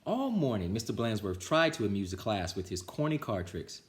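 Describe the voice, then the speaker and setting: A man with a fairly low voice reads a children's story aloud. His pitch swings very widely as he goes, and the reading is expressive, with the odd small stumble. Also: normal speed. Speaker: storytime reader. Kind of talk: children's picture book read-aloud.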